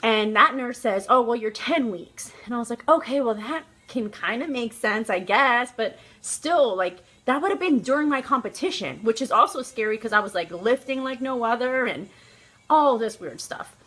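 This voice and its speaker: A young woman vlogger telling a personal story in a casual, animated way, laughing often. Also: on the high side, normal speed.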